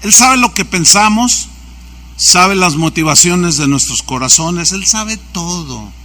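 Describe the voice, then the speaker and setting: Pastor guy preaching, high bright voice, acts out little stories and quizzes the crowd. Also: expressive, slow. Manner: preaching with acted-out anecdotes and questions to the congregation. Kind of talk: sermon. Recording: church service recording.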